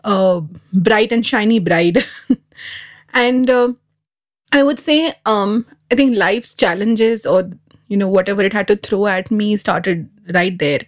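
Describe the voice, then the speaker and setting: A woman in her thirties from Dubai appears as a podcast guest, speaking slowly at a medium pitch. She tells personal stories in the interview with candor and reflection.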